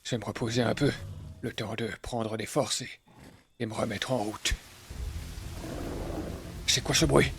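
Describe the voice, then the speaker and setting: A man's voice: medium pitch, measured pace, gravelly, long pauses, slight background noise. A man narrating his own game character in roleplay, theatrical, with sudden swearing outbursts. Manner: theatrical, swings between calm narration and outbursts of insults. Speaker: gamer roleplaying a dinosaur.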